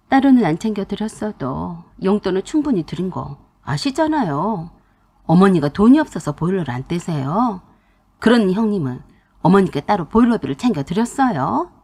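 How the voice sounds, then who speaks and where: A woman narrating a family story in the first person, expressive and aggrieved. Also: mid-range voice, husky.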